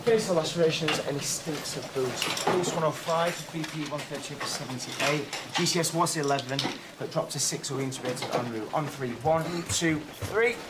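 A man playing a brisk, focused emergency medic in a medical drama, with a businesslike, clinical delivery. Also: fairly high pitch, lightly acted. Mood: brisk, urgent. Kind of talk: filmed medical drama acting. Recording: very noisy hospital scene ambience.

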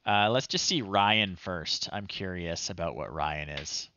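Muttering short phrases and thinking aloud, a livestream host in his thirties gives casual commentary as he tries out old software in a small room indoors at home. His deep voice is unhurried, pushed and bright, but the recording sounds muffled.

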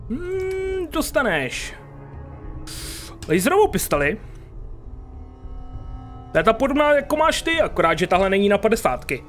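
A man narrates his game session in a relaxed, chatty way, cracking jokes and grumbling at enemies as they come. His voice sits high and swings up and down a lot. Faint game music plays in the background. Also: pauses often. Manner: chatty, joking, swears at enemies. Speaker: gaming youtuber. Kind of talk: casual let's play commentary.

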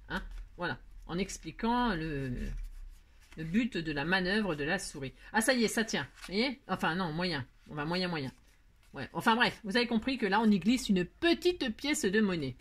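Chatty woman rambling through a craft tutorial. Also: medium pitch. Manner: chatty, rambling, self-mocking, addresses viewers directly.

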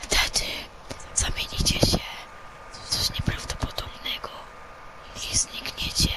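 A woman voicing a mysterious, mocking male trickster in a hoarse whispered role-play. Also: measured pace, lightly acted, poor audio. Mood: secretive. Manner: secretive, mocking.

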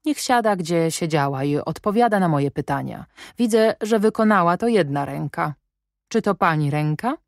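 A brusque, commanding gentleman, as a woman reads him aloud for an audiobook, questioning sharply and with dry irony. The voice sits low and is heard close and dry, with no room sound. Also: expressive, moderate pace, no room sound. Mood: imperious. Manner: imperious, probing, sardonic. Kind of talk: audiobook reading.

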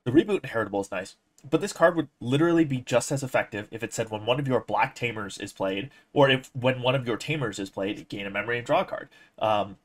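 Speaking at a mid-range pitch, this young guy shares his relaxed but strong opinions about a card game, walking through his reasoning calmly and deliberately.

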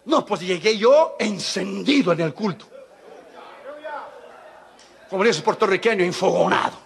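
A man preaching a sermon, telling a story with lively, acted-out dialogue. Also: high voice, measured pace, vocal fry, some chatter behind. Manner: animated storytelling, acting out dialogue. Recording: live sermon in a reverberant hall.

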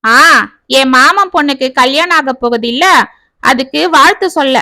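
A woman's voice: high-pitched, moderate pace, sharp tone, no room sound. A woman reading a family story, voicing an educated but jobless young man who defends himself. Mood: awkward. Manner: pleading, defensive.

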